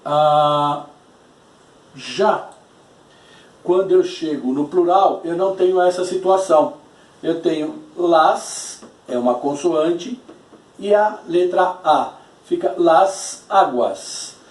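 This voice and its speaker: A man teaching a language lesson, explaining slowly and repeating key terms for his students. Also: on the high side, a little mellow. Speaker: Spanish teacher. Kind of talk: recorded classroom lesson. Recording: echoey room, distant from mic.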